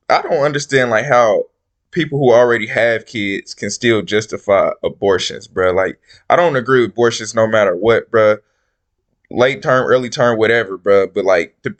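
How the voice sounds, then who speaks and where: A man's voice: fairly low pitch, a bit bright. A man giving casual reaction commentary in a slangy frat-bro manner, peppering his talk with bro. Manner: bro-heavy slangy frat-bro talk, repeats "bro" and "you feel me".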